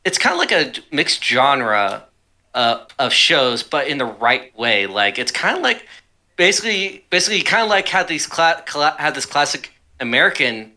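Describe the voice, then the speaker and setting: A man's voice: a little high, very animated, normal speed, bright, forceful tone. A young man, a student, chatting casually with friends, rambling with lots of filler words. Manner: rambling, many fillers and restarts. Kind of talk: casual chat.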